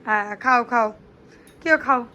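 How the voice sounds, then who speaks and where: A hoarse woman, chatting to viewers as she films her family at home. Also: on the high side, moderate pace, sharp tone, lo-fi sound, a little hiss or hum. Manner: chatty, addressing viewers directly. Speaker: vlogger. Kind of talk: casual family vlog.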